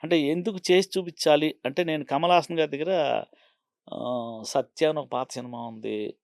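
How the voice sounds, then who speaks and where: A man's voice: fairly high pitch, moderate pace, creaky, dry recording, studio quality. A middle-aged man, a film art director, telling set stories in an interview and acting out the lines he quotes. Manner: acts out quoted dialogue, slips into Tamil impressions. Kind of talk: animated storytelling interview. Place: Telugu film channel interview.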